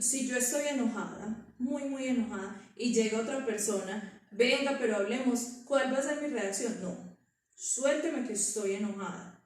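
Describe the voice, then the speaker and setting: A woman's voice: a little high, mellow. A woman, an early childhood educator giving a conversational training talk to parents, often asking rhetorical questions. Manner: conversational, asks rhetorical questions with frequent "¿cierto?". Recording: very echoey room from far off.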